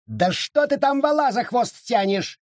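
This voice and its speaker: A man's voice: very high voice, expressive, measured pace, dry recording, studio quality, voice pushed up. A man voicing a pompous, whiny old colonial judge who barks orders at everyone. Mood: shrill. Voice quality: whiny, imperious shouting.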